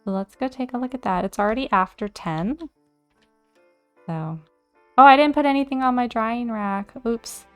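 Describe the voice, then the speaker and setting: A woman hosting a let's play, chatting casually to herself as she plays, and easily excited. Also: a little high, normal speed, pauses often, clear, resonant tone, faint music behind. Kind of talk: casual gameplay commentary.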